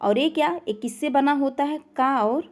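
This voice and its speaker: High-voiced woman teaching a grammar class. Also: normal speed, a little mellow. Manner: repeats questions and makes the learner answer back. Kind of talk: online class lecture.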